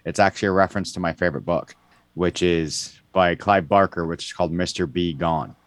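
A man's voice: low-pitched, brisk, no echo. An American man chatting casually as a podcast co-host. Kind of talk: casual chat.

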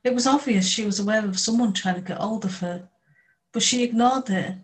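A woman reading a first-person novel aloud in a steady, measured way. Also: medium pitch, poor audio. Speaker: audiobook narrator. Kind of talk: scripted first-person audiobook narration.

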